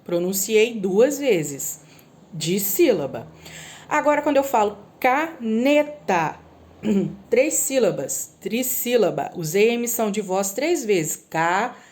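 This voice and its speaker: A woman teaching a recorded lesson to young children, slowly drawing out example words and often checking in with them. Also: medium pitch, sing-song, a little mellow. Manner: patient, drawn-out word spelling with frequent "tá?" checks. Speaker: primary school teacher.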